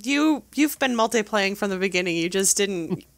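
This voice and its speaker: A woman's voice: mid-range voice, animated, normal speed, gravelly, no room sound. A woman co-hosting a casual podcast chat, teasing and laughing often. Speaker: podcast co-host.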